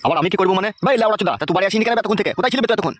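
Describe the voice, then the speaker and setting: A man's voice: high voice, lively intonation, very fast, noisy background. A man voicing an exasperated, foul-mouthed village father in a comic cartoon, ranting at his son. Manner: ranting, cursing. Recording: loud background music.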